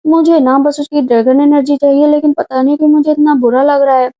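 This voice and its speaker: High-voiced woman narrating a drama recap. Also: little pitch movement, fairly quick. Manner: retells scenes, speaking the characters' lines in her own voice. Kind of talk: casual storytelling narration. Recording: dull lo-fi sound.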